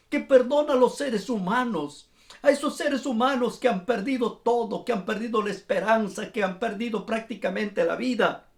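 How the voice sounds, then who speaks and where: A man's voice: high-pitched, gravelly. A male pastor preaching a sermon, asking rhetorical questions and repeating key phrases for emphasis.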